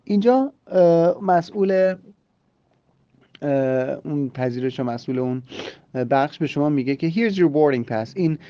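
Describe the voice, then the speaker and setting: A man hosting a podcast English lesson, explaining and repeating phrases slowly so listeners can drill them. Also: fairly high pitch, lively intonation, warm tone, no room sound. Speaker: English teacher and podcast host. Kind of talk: language lesson. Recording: slightly dull lo-fi recording.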